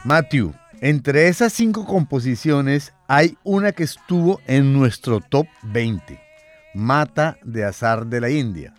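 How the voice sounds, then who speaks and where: A man hosting a radio interview, asking questions in a measured, formal way. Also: medium pitch, expressive, soft background music. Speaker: radio host.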